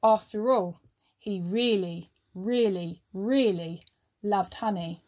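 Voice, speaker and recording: In a mid-range voice, a woman reads a children's story like a teacher, using expressive, measured phrasing and emphatic pauses.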